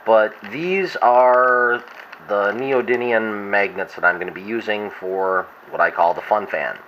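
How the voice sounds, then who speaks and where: A man's voice: on the low side, a little slow. A hungover man giving a casual, unscripted show-and-tell as a vlogger, rambling and trailing off mid-thought. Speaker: hobbyist vlogger. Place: inside a wooden boat. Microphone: camera glasses worn on the head. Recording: dull lo-fi sound with faint noise.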